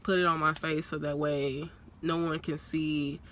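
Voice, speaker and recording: A young woman in her twenties chats to her phone from the seat of a parked car, rambling and laughing easily. Her voice is bright but a little stuffy and nasal from a cold. A faint outdoor hum sits under the recording. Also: low voice, flat delivery, unhurried. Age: young adult. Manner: chatty, rambling, laughs often. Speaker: vlogger. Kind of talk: casual talking-head vlog. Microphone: phone propped on a purse.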